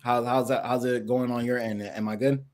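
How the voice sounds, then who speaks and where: A man on a video call answers questions in a relaxed way. His voice has a mid pitch and comes through a connection that drops out now and then. He often stops partway through a phrase and starts it again. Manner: halting, restarts phrases with many fillers. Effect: video call audio with dropouts. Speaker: guest, founder of a collectibles project. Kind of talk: casual interview answers.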